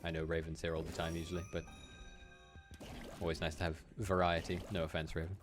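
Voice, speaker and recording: A young adult man from Wales, a game streamer with a general British accent, chats casually through gameplay commentary from an indoor room at home, often laughing with his viewers. His low voice has little pitch movement and a brisk pace, with music in the background.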